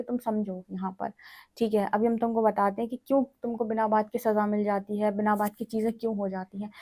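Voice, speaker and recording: A woman's voice: a little high, warm tone. A woman giving a tarot reading in a direct, lecturing way, often checking in with the listener. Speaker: tarot reader.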